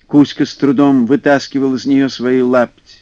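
A man narrating a fairy tale in an expressive audiobook style, in a dull dry recording. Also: medium pitch, normal speed, dry recording. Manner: animated, acting out character voices. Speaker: storyteller.

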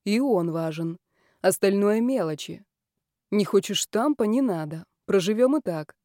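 A woman voicing a calm, tender young man who talks gently and reassuringly. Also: mid-range voice, normal speed, no room sound, clean studio sound, natural voice.

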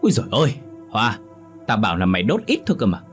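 A man's voice: lowish voice, sing-song, a little fast, darkish tone, soft background music. A man voicing a stingy, bad-tempered middle-aged village man who grumbles and scolds. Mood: angry.

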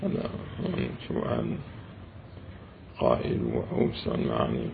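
A man teaching as a sheikh, who explains a classical text and often repeats phrases slowly. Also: a bass voice, big pitch swings, gravelly, background noise. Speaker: sheikh teaching Quranic exegesis. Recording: tinny, phone-like lesson recording.

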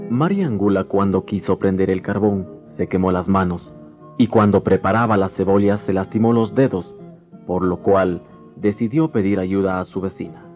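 A low-voiced man tells a scripted tale dramatically at normal speed, like a radio drama storyteller. The recording sounds like dull, lo-fi 1990s radio with music behind him.

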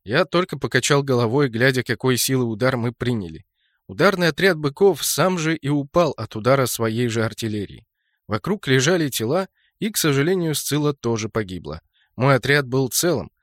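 A man's voice: normal speed, no echo. Male audiobook narrator, dry and close. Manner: steady storytelling, jumps higher and louder for shouted lines. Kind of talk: scripted narration of a fantasy game novel.

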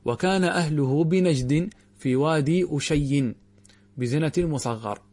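A man teaching a grammar lesson, reciting quoted verses slowly and drawn out, and questioning his students rhetorically. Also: on the high side, a little mellow. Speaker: Islamic scholar teaching grammar.

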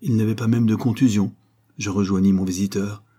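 A man reading an audiobook, voicing a grave, solemn doctor, in a low husky voice. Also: steady tone, fairly quick, mellow. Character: grave learned male doctor, solemn and stern.

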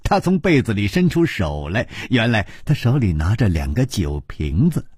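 A man narrating a martial-arts romance as a storyteller, expressive and drawn out. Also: lowish voice, normal speed, breathy edge, no echo, clean studio sound.

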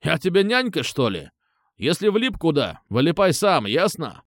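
A man voicing a gruff, irritable police officer who barks curt replies. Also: a little high, sing-song, normal speed, dry recording, clean studio sound, voice pushed up. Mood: irritated. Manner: curt, barking.

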